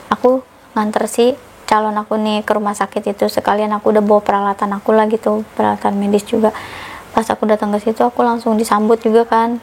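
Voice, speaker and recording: A young woman, telling her story casually as a podcast guest and acting out the dialogue she quotes. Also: a little hiss or hum. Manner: animated, acts out quoted dialogue with sudden pitch jumps.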